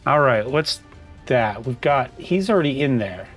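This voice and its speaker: A man's voice: medium pitch, expressive, unhurried, soft background music. A man casually commenting on his own gameplay, chatting to himself as he plays. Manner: chatty, talks to himself while playing. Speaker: gaming streamer.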